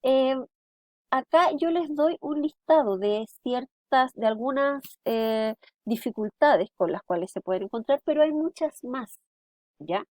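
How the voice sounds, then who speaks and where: A woman explaining a lesson to students, checking in often with a quick "¿ya?". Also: sits high, expressive, a little mellow, dry recording, clean studio sound. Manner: explanatory, frequent tag "¿ya?". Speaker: teacher. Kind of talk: recorded class lecture.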